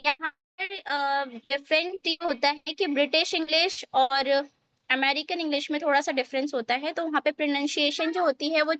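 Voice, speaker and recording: A woman's voice: sits high, steady tone, moderate pace, fairly bright tone, no room sound, dull audio. A woman teaching an online spoken English class, explaining step by step and often checking that her students follow. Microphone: online video call.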